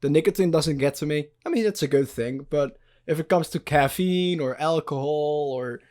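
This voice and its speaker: A man's voice: fairly high pitch, normal speed, a little mellow. A young man from the Netherlands, hosting a casual podcast chat, rambling loosely, swearing and laughing often. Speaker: podcast host.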